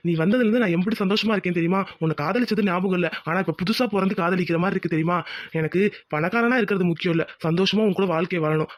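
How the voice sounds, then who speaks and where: Fast and high-pitched, a man doing a devoted young village husband in a cartoon, fond and reassuring with his wife. The lines come quickly and the tone stays gentle and earnest. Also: no echo, close to an everyday voice. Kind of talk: animated cartoon voice acting.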